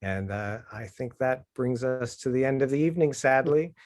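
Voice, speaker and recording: A man's voice: medium pitch, moderate pace, a little mellow. A man, a publisher co-hosting a book launch over a video call, giving casual closing thanks with a few ums.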